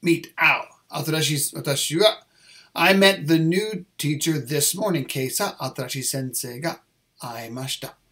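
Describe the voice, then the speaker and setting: Guy teacher going over an english test, talks slow, voice a bit high, flips between english and japanese. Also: gravelly, fairly bright tone. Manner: mixes English and Japanese, repeats phrases slowly. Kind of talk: explaining test answers.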